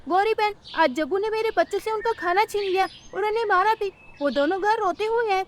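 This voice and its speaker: A woman's voice: very high voice, brisk, a little hiss or hum, pitched above the performer's own voice. A woman voicing a kind, earnest mother sparrow in a cartoon who speaks in a pleading way.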